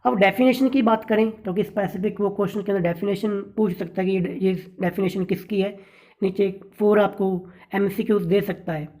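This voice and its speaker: A man teaching an exam-prep lesson on English literature, with a mellow, warm tone. He explains each point step by step and keeps checking that his listeners follow. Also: high voice, fairly even intonation, a little fast, low-quality recording.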